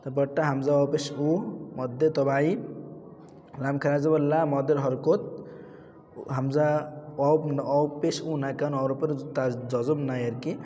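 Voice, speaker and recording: A man teaching Quran reading, patiently spelling out letters and chanting the words in a raised, drawn-out voice. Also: medium pitch, little pitch movement, warm tone, muffled recording. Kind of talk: spelling out and drilling Quran recitation. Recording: reverberant room with faint background noise.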